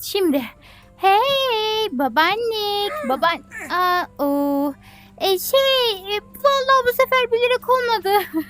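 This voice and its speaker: A woman giving playful gameplay commentary as a YouTuber. She is excitable and breaks into squeals and shrieks of alarm. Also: high-pitched. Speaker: gaming YouTuber.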